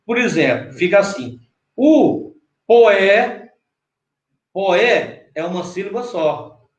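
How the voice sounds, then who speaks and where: A Brazilian cordel poet teaches an online workshop patiently and step by step, often checking in with his guest. His voice sits high, with big pitch swings and an unhurried pace, captured over a video call with roomy echo.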